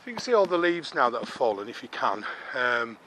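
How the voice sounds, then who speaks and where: A man's voice: medium pitch, sing-song, a little fast. A middle-aged man narrating a casual walking vlog in a chatty, self-deprecating, rambling way, slightly out of breath, recorded on a camera mic. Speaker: vlogger. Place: outdoors on a woodland walk. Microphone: camera-mounted mic while walking. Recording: outdoor noise and clicking.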